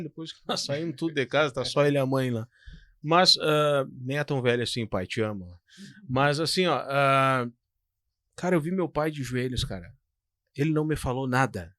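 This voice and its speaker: A man, co-hosting a pastoral podcast in a casual, animated storytelling way. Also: mid-range voice, no echo, clean studio sound. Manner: animated, storytelling, frequent "cara" and "tu". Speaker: podcast co-host.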